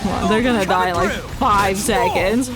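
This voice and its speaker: Speaking at a medium pitch and moderate pace, a female game streamer half mutters to herself, rambling casually about her gameplay. The recording carries loud game music along with combat sounds in the background.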